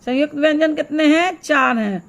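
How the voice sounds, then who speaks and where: A woman teaching a primary school lesson, explaining slowly and answering her own questions as she goes. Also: high-pitched, creaky, rough recording. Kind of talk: recorded classroom lesson.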